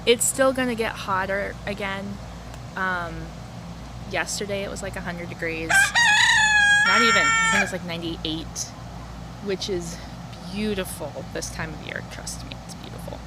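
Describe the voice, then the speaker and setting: Chatty woman vlogging amid clear outdoor noise. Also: mid-range voice, measured pace. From lives in the Arizona desert, US. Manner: informal, rambling, chatty. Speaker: host of a home gardening vlog. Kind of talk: casual chat to camera. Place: outdoors in a backyard garden and porch. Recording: noisy outdoor recording with ambient sounds. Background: rooster crowing, chickens, outdoor ambience.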